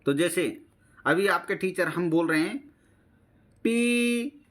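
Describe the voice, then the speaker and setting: A man with a fairly high, slightly bright voice speaks at a normal speed. He's a primary school English teacher with an Indian accent, giving a bilingual lesson from a textbook and patiently repeating each phrase in Hindi for the children.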